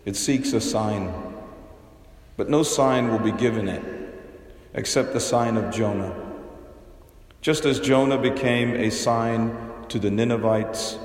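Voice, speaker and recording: A man serving as priest, giving a gospel reading and homily in a measured, deliberate way with dry humor, in a large church. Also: medium pitch. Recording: long cathedral-like hall echo.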